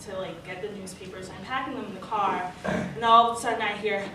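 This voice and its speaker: A young woman doing a rambling, deadpan stand-up comedy set, full of fillers. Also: medium pitch, fast talker, crowd noise. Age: young adult. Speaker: stand-up comic. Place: comedy night on stage before a live audience. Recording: distant mic, echoey room, audience laughter.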